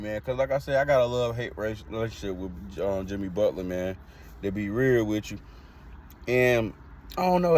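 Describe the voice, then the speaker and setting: A man from North Carolina, hosting a podcast and giving blunt, slangy basketball takes, often repeating himself for emphasis. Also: medium pitch. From Greensboro, North Carolina. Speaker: podcast host. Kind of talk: casual sports talk.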